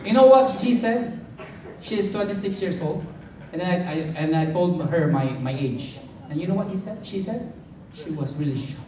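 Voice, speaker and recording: A man giving an animated motivational speech to a live audience, laughing often and asking the crowd questions. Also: high-pitched, normal speed. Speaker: motivational speaker. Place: large hall with an audience. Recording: echoey hall, heard from far off, with crowd noise.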